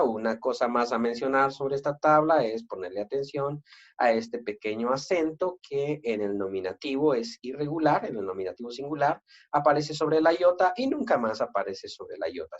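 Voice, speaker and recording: A man with a Central American Spanish accent teaching Greek grammar in an online lesson, patient and halting, with many fillers and self-corrections. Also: medium pitch. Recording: dull lo-fi recording.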